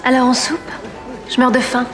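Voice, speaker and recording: An actress playing a proud, witty young aristocratic woman in a period film, haughty and quick with sharp retorts. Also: sits high, completely flat delivery, music in the background, natural voice. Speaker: Mathilde, the marquis's daughter.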